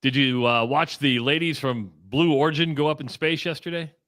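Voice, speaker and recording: A man's voice: on the high side, steady tone, moderate pace, a bit bright, no room sound, studio quality. A man co-hosting a radio show, telling stories and building up to the punchline. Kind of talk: casual talk radio banter.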